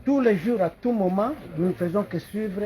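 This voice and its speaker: A man's voice: high voice, normal speed, crowd noise. A man from Belgium giving an earnest church testimony. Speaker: visiting congregant. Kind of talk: spoken testimony. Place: church gathering.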